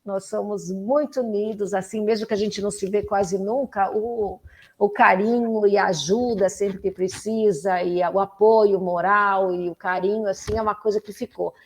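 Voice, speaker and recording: Brazilian-accented woman, 50s, podcast guest; lively storyteller who restarts often. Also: medium pitch, moderate pace. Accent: Brazilian Portuguese. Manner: animated storyteller, many restarts and fillers. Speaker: interview guest, political activist. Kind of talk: casual conversational interview.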